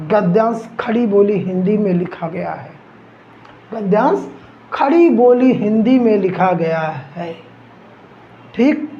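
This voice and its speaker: A male teacher slowly explaining an exam lesson, repeating lines and calling his students son. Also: very high voice, a little mellow, reverberant, highs cut off.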